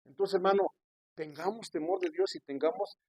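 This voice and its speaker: A male pastor delivers an earnest sermon, calling his listeners brother as he preaches. His voice sits a little on the high side. The sound is close and dry, with no room around it. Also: normal speed, a little mellow, breathy edge, dry recording.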